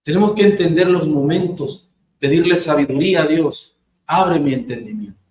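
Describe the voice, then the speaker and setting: A man's voice: fairly high pitch, normal speed, a little mellow, a little hiss or hum. A man preaching informally, telling stories and acting out short quoted exchanges. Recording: roomy echo with faint ambience.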